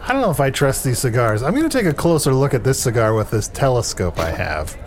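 A man's voice: medium pitch, sing-song, fast, natural voice. A man playing an inquisitive, fretful fantasy adventurer in improvised comedy, talking in a conversational, hesitant, questioning way. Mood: suspicious.

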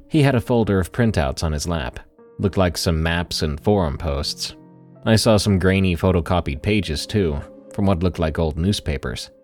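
A man's voice: low voice, a little mellow. A man hosting and narrating scary stories in an ominous late-night radio manner, with dramatic, scripted delivery. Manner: ominous, dramatic storytelling with trailing line ends. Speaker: host and narrator of horror stories. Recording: voice over background music. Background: music bed.

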